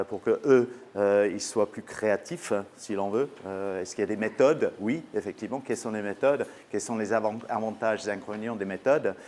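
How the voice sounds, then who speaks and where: A man's voice: on the low side, darkish tone. A man with an English accent, a native English speaker, giving a conference talk in French as a business school professor, hesitant with many fillers and restarts. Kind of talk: conference presentation.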